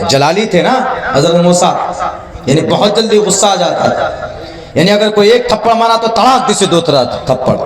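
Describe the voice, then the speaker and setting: A man with an Indian Urdu accent preaching a sermon in a large hall. His voice sits fairly high and rings with echo, picked up from a distance. He tells a story and stops to spell out letters slowly, like a teacher. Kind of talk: religious sermon. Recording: echoey, from far off.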